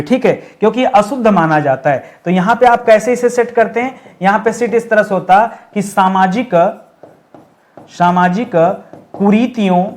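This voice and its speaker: A man teaching an exam lesson, repeating words slowly while writing and asking and answering his own questions. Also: high voice. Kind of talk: classroom-style lesson.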